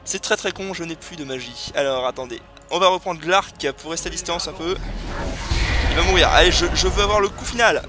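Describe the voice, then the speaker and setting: A man hosting a casual let's play, excitable and chatty as he thinks aloud. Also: a little high, fairly quick, over music. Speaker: gaming video host. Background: video game sounds.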